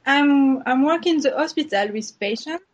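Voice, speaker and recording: A young woman with a French accent, answering interview questions in halting, hesitant speech with many pauses. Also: high voice, animated, dull audio. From France. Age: young adult. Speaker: interview guest.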